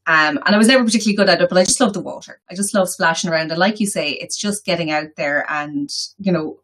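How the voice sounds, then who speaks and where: A woman's voice: lowish voice, fast talker, a bit bright. A woman from the west of Ireland with a local accent, talking casually and chattily as an interview guest. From Galway, west of Ireland. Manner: chatty, informal, colloquial.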